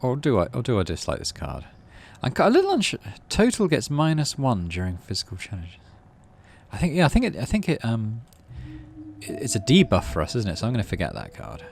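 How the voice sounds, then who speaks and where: Reading the game's story aloud and pondering his choices, a man hosts a playthrough video while game music plays. His medium-pitched voice is gravelly and darkish, a little fast, with huge swings in pitch. Slight background noise can be heard.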